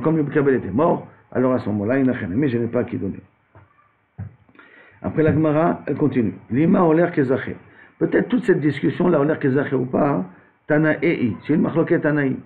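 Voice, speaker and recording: A man teaching a Talmud lesson as a rabbi, reading Aramaic phrases and then explaining them in with frequent restarts. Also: fairly high pitch. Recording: tinny phone-like recording.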